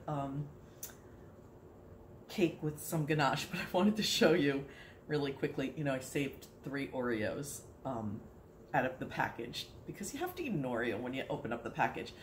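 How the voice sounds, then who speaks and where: A home cooking video host in her sixties demonstrates a dish in her kitchen, talking animatedly at a moderate pace in a deep voice, rambling and laughing often. The phone recording her nearby captures echo and background noise.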